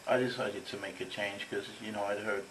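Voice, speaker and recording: His lowish voice moves briskly with fairly even intonation. A Londoner with a London English accent, he casually recounts his own experiences as an interview guest, against noticeable background noise.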